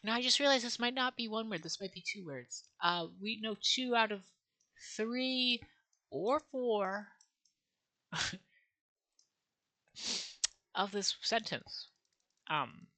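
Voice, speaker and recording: A language learner vlogger teaches herself a language on camera, thinking aloud and sounding out syllables in a playful, self-mocking way. Her medium-pitched voice is expressive, bright and forceful, and she speaks slowly with long pauses.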